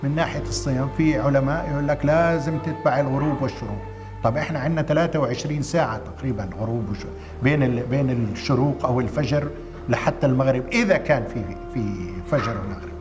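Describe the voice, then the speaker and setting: Rapid male interviewee making his case, reverberant hall, music bed. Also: mid-range voice. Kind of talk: interview explanation.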